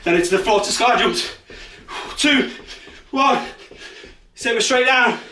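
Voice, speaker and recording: A man's voice: extremely high pitch, a little slow, sharp tone, slight background noise. Breathless man coaching a workout. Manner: urgent encouragement and countdowns while exercising. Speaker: fitness instructor. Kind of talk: follow-along workout coaching. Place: small space at home. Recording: echoey room, far from mic.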